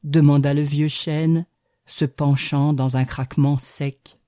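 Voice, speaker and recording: A woman reads a storybook aloud in a slow, measured manner. Her voice is mellow and dark, and the recording is close and dry. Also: low voice, flat delivery, no room sound. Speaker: volunteer audiobook reader. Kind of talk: audiobook reading.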